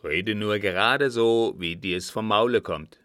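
A blustering old field marshal booms out blunt oaths in a low, gravelly voice, as a male reader puts him on. He speaks slowly and heavily. The storybook recording is close and dry. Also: no echo. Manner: loud blunt outbursts and oaths.

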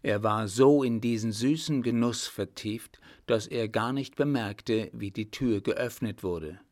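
A man reading a classic novel aloud as an audiobook narrator, measured and even. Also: lowish voice, no echo, clean studio sound. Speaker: audiobook reader.

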